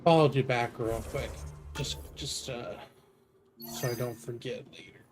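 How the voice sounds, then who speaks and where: A man's voice: medium pitch, a little slow, soft background music. A man streaming a game and chatting casually in a laid-back, rambling, slangy way. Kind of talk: casual chat while gaming.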